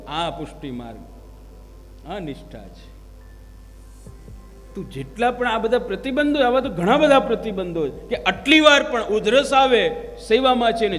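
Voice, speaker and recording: A man's voice: high voice, fairly bright tone. A man giving a devotional sermon, telling stories and asking rhetorical questions of his listeners. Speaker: religious preacher. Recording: long hall reverb with faint music.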